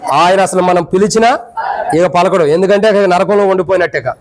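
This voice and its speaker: A man preaching a sermon as a pastor, firing rhetorical questions at the congregation and swinging from raised pleading to low quiet asides. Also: fairly quick, low-quality recording.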